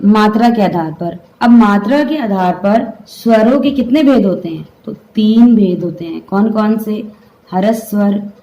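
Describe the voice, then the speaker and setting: A woman's voice: mid-range voice, warm tone, poor audio. A woman teaching a grammar lesson, explaining step by step and having the class say the sounds aloud.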